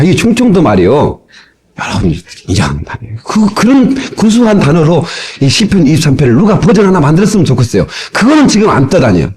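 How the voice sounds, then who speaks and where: A male pastor preaching a sermon to his congregation, lively and folksy, often asking them for a response, heard from an old cassette tape recording. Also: fairly high pitch. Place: church sanctuary.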